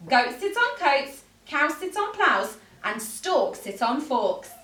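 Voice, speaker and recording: Woman voicing a bossy storybook cat, drawn-out and insistent. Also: high-pitched, big pitch swings, fairly bright tone, roomy sound, distant mic, pitched above the performer's own voice, full character voice. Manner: emphatic, insistent, drawn-out delivery. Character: bossy, know-it-all cat laying down rules. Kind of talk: children's picture book read-aloud.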